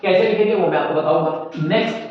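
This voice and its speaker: एक पुरुष अंग्रेज़ी शिक्षक जो अपने विद्यार्थियों को "बेटा" कहकर व्याकरण पढ़ाता है और उदाहरण धीरे-धीरे बोलकर लिखवाता है।. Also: male voice, high-pitched, heavy reverb, distant mic, lo-fi sound. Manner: addresses students as children, slow dictation of examples. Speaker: English teacher. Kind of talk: classroom grammar lesson.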